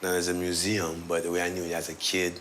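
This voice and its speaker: A middle-aged Jamaican man telling relaxed stories, laughing often and trailing off as he talks. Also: low-pitched, quick pace, slight background noise. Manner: laid-back, laughs often, trails off and restarts. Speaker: son of the musician, tour guide. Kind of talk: relaxed storytelling.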